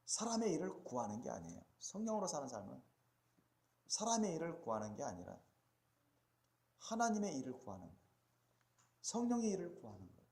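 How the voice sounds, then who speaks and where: A high-voiced male pastor preaches with a lively, sweeping pitch, rising to loud emphatic peaks and dropping to quiet asides. He keeps turning to his congregation with questions and calls for a response. The sound rings around a reverberant church sanctuary. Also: brisk, pauses often. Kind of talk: sermon.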